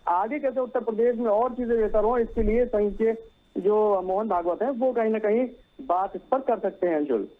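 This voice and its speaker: A man's voice: high voice, moderate pace. A male news correspondent reporting live, talking in long sentences with frequent fillers and restarts. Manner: repeats "सीधे तौर पर" and "आप समझिए", many fillers and restarts. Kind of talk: live news report over a phone line. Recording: tinny phone line.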